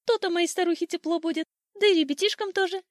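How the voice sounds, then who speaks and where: A woman voicing a cocky, boastful old male sparrow in a storybook tale, shrill and teasing. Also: steady tone, quick pace, no room sound, clean studio sound. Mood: boastful chirpy.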